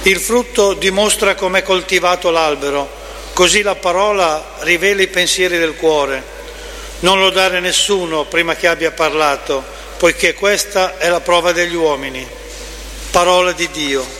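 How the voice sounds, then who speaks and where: A man's voice: sits high, normal speed, bright, forceful tone. A man reading scripture formally as a lector at Mass in a large reverberant church. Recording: reverberant church hall, faint noise.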